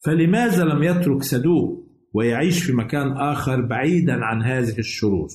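A man's voice: mid-range voice, darkish tone. A man hosting a religious radio program, giving a scripted Bible lesson in a formal, didactic manner. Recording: roomy, echoing voice recording.

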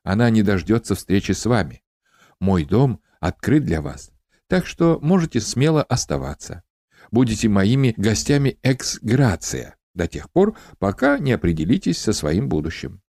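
A man's voice: on the low side, very animated, normal speed, creaky, no echo, heavily acted. A man voicing a cheerful, hospitable widowed uncle with greying hair and a pleasant voice, in an audiobook. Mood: welcoming. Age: middle-aged. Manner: warm, welcoming, talkative.

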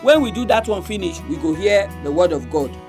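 A woman's voice: lowish voice, expressive, brisk, music in the background. A woman with a Nigerian Pidgin accent hosting a religious radio programme for women, speaking directly to her listeners.

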